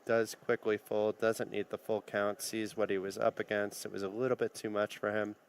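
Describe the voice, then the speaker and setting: A man's voice: lowish voice, flat delivery, moderate pace, gravelly, a little hiss or hum. A man doing easygoing live play-by-play commentary on a poker final table. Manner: easygoing play-by-play, light joking.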